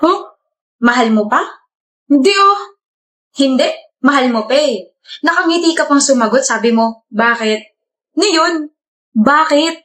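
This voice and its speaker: A woman's voice: high voice, lively intonation, normal speed, a bit bright. A woman acting out short scripted comedy skits, bantering and teasing. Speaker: skit creator.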